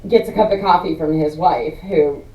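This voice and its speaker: A woman co-hosting a casual movie review chat, animated, laughing often and swearing freely. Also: sits low, moderate pace. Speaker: podcast co-host. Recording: roomy, distant mic, dull sound.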